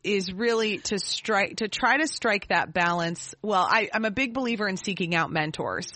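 A woman's voice: medium pitch, normal speed, pushed and bright. A woman in her forties co-hosting a podcast, chatty and self-deprecating in a casual chat. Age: 40s. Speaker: podcast co-host.

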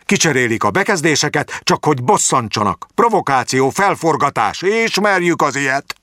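A man's voice: a little high, big pitch swings, bright, forceful tone, no echo, clean studio sound, voice pushed up. A man voicing a ranting, paranoid old man. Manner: ranting, accusing, raised voice. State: breathless. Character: fat, paranoid, hateful old man with a cane.

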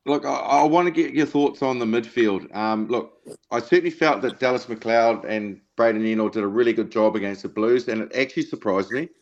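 A man's voice: mid-range voice, brisk, muffled recording. A man asking long, casual questions as a panellist on a rugby show. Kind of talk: casual sports interview.

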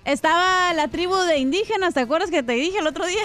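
Giggly high woman on morning radio. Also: quick pace, fairly bright tone, faint music behind. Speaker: radio show co-host. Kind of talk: comedic radio banter.

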